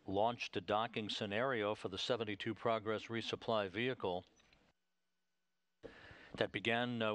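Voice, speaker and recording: A man with an American accent and a fairly low voice delivers live mission commentary. He is formal and methodical, laying out technical detail in a measured way. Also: fairly bright tone.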